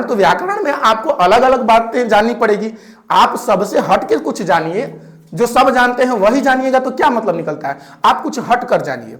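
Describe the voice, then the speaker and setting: A man lectures on grammar in a strikingly high voice. He talks to his students directly and casually. He stops often to ask whether everything is clear. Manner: repetitive, checks understanding with frequent questions; colloquial, addresses students directly. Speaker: Hindi grammar teacher. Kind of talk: classroom lecture.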